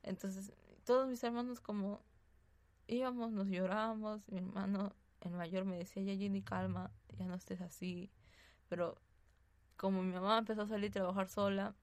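Woman guest, soft and hesitant testimony, even flat tone, dry close sound. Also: medium pitch, moderate pace, no room sound. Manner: tags sentences with "así, ¿no?"; soft-spoken, hesitant storytelling. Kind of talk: personal testimony in a radio interview.

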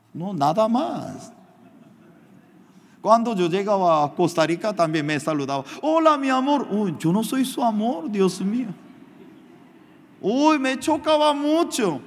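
A man preaches with slow, deliberate pacing and a lively, swooping delivery, his slightly non-native phrasing giving the sermon a plain, earnest feel. His voice sits a little high for a man, and a long reverb trails every phrase as if it were recorded in a church hall. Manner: animated, emphatic preaching with storytelling asides. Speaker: pastor.

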